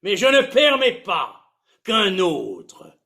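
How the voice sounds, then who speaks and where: A proud, mocking swordsman-poet in a hammy stage-actor declamation. The voice sits high and swings widely in pitch. The verse is delivered slowly and theatrically, with the tone constantly shifting. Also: huge pitch swings, gravelly, pushed and bright, full character voice. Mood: scornful, proud. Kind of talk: theatrical verse monologue recitation.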